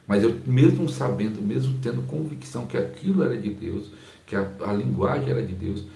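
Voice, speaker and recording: Male Brazilian pastor, deep, dark-toned, talks slowly and softly, phone mic with room echo. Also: gravelly. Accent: Brazilian Portuguese. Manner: slow, calm, deliberately soft-spoken. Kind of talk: informal teaching talk to a live audience. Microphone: phone's built-in mic.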